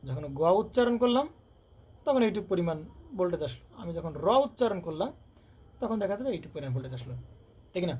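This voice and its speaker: A high, very animated man's voice, mellow and husky, belongs to an electronics tutor giving a classroom lecture. He talks rapidly and keeps quizzing his students with rhetorical questions. Faint background noise is audible.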